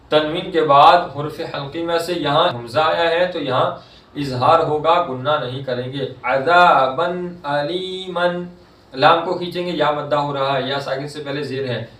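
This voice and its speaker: A male Quran reading teacher, explaining the rules and reciting each word slowly and drawn out. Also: a little high, a bit bright. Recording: roomy echo, mic at a distance.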